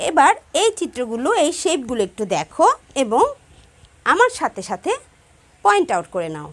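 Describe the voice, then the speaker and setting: A woman with a Bangladeshi accent teaching young children English shapes, repeating words slowly and switching between Bengali and English. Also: high voice, sing-song. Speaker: primary school English teacher. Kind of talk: classroom lesson to young children.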